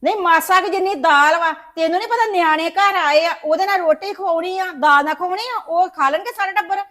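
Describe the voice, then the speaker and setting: A woman playing a scolding, sharp-tongued middle-aged mother-in-law in a family web drama, nagging and reproachful. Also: extremely high pitch, brisk.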